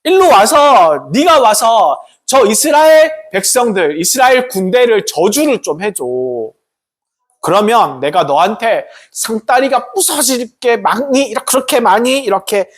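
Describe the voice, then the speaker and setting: A frightened king coaxes and pleads, slow and urgent, as a man acts him out. His voice is husky and moves up and down. It is told as a sermon story. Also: medium pitch, lively intonation. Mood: pleading. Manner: pleading, coaxing. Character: fearful king begging for a curse.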